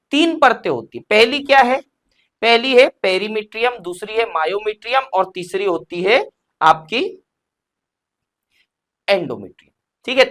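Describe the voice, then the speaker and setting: A man's voice: extremely high pitch, a bit bright. A young man teaching an exam-prep lecture, posing questions and answering them himself step by step. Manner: explains step by step, asks and answers his own questions.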